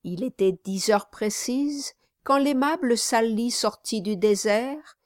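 Slow, measured woman narrating a novel. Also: on the high side, dry recording, studio quality. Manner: measured, even storytelling. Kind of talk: audiobook narration.

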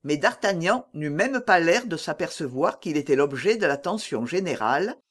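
An audiobook narrator reading a classic novel aloud and voicing the dialogue. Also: medium pitch. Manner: slow, lively storytelling with voiced dialogue.

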